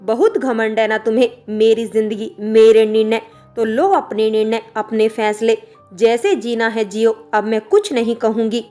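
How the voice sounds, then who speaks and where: A woman's voice: on the high side, steady tone, normal speed, mellow, faint music behind, natural voice. A woman voicing a middle-aged mother who scolds her daughter firmly and reproachfully. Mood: stern anger. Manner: firm, reproachful.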